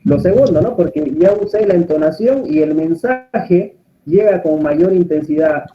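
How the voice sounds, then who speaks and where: A man instructing a course, lecturing and often putting questions to his students in a calm teaching tone. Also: on the high side, unhurried. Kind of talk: online class lecture. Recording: muffled, lo-fi audio.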